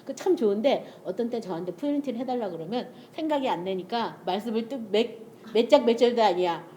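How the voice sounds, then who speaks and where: A woman's voice: on the high side, expressive, fast talker, dark tone, a little hiss or hum. A middle-aged woman giving a testimony-style sermon, telling family stories animatedly and acting out the dialogue with frequent laughter. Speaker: church speaker sharing testimony.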